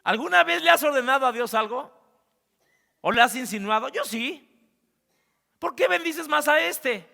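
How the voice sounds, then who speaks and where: A man preaching a sermon to his congregation, animated and swinging between loud and hushed. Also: extremely high pitch, moderate pace, gravelly, pauses often, long reverb tail. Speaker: pastor. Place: church sanctuary.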